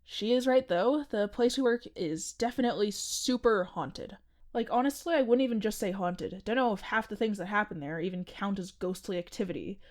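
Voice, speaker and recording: In an audio drama, a woman voices a chatty, earnest seventeen-year-old boy who hosts a podcast, sounding casual and insistent. Her mid-range, darkish voice moves at a moderate pace and feels natural and conversational.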